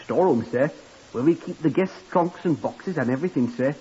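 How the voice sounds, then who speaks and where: A man's voice: on the high side, animated, fairly quick, dark tone, close to an everyday voice. An actor playing an eager lift boy. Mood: eager, deferential. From Blackpool, Lancashire. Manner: deferential, ends nearly every phrase with "sir". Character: eager simple-minded young male hotel lift attendant. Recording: hissy, dull 1950s radio broadcast.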